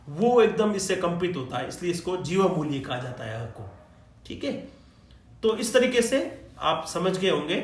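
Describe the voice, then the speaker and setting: A man's voice: on the high side, fairly bright tone, echoey room, far from the mic. A man teaching grammar in a lecture style, patiently sounding out letters and checking that students follow. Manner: explains patiently, repeats sounds, asks "right?" often.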